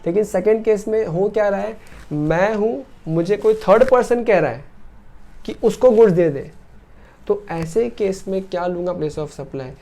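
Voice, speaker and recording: A man giving a recorded lecture, asking and answering his own questions and slowing down to dictate definitions. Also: sits high, warm tone. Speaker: teacher.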